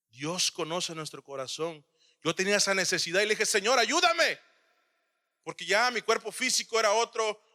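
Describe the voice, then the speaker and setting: Man, preacher, sermon, calls listeners brother, loud then hushed, high voice, long hall reverb. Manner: addresses listeners as "hermano", swings from loud to hushed.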